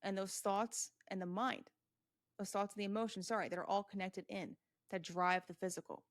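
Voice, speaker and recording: A woman's voice: medium pitch, fairly even intonation, normal speed, no echo, clean studio sound. A woman hosting a solo motivational podcast. She talks earnestly and emphatically, repeats key points and speaks straight to the listener. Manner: addresses the listener directly and answers imagined questions. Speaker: podcast host.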